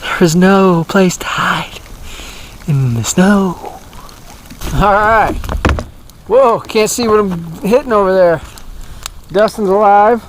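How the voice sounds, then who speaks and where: A man's voice: high-pitched, a little hiss or hum, rough recording. A man casually narrating his winter camping trip, rambling and chuckling with filler words, recorded outdoors at a snowy campsite by a fire on an action camera. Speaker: outdoor vlogger.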